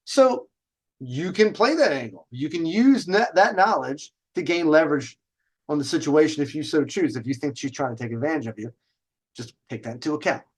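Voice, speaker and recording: A slightly high, animated male voice with a breathy edge moves at a moderate pace. He's a dating advice show host spinning casual stories for viewers in a brash, emphatic style, lingering on stressed words and asking rhetorical questions.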